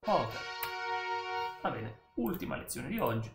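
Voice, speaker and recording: A man's voice: medium pitch, sing-song, a little slow, vocal fry, reverberant, over loud music. A man casually commenting as he works through a language app lesson, chatty and often correcting himself as he repeats words aloud. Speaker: YouTuber learning a language.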